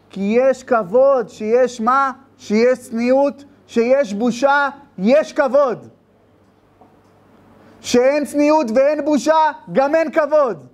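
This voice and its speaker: Rabbi guy giving a fiery sermon, really high voice, lots of rhetorical questions. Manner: impassioned storytelling preacher, rhetorical questions.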